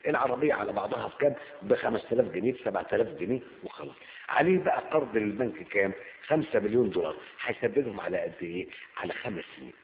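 A man's voice: fairly low pitch, expressive, very fast. A man with an Egyptian accent explaining a story casually, asking and answering his own questions. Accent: Egyptian Arabic. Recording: tinny phone-like lo-fi with faint hiss.

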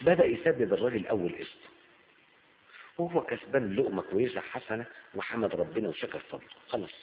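A man's voice: on the low side, lively intonation, fast. A man with an Egyptian accent explaining a story casually, asking and answering his own questions. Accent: Egyptian Arabic. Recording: tinny phone-like lo-fi with faint hiss.

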